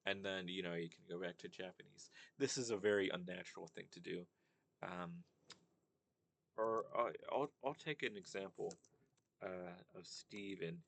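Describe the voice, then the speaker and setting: Young guy, really deep voice, rambling on with lots of ums and likes. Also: moderate pace, vocal fry. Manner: rambling, many fillers and restarts. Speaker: commentator on language. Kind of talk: casual monologue.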